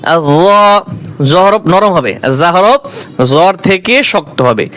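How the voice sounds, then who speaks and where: A man with a high, smooth and resonant voice teaches a Quran recitation lesson. He is patient and methodical. He sounds out single letters slowly and puts rhetorical questions to his listeners. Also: very animated, a bit bright.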